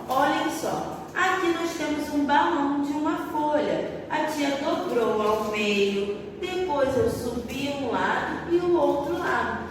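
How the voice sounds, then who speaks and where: A Brazilian woman teacher gently explaining a paper-folding craft to young children, calling herself "tia". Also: high voice. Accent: Brazilian Portuguese. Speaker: preschool teacher. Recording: echoey room from far off, noisy.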